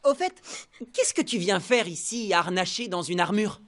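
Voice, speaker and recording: A woman's voice: on the low side, expressive, normal speed, natural voice. A woman voicing a carefree, teasing boyish tavern owner in a dubbed cartoon. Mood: laid-back. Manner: teasing and laid-back.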